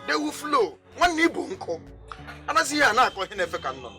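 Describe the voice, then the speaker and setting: A man's voice: very high-pitched, fairly quick, heavily acted. A man with a Nigerian accent playing a blunt young friend who lectures his crying friend, over background music. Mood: chiding. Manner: lecturing, animated.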